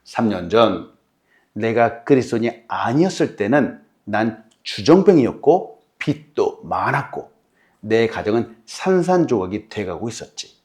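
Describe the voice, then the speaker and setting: A pastor playing a humble reformed man in a sermon story, answering in a soft, modest voice. His speech moves in a lively way. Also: mid-range voice. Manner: modest, soft-spoken replies.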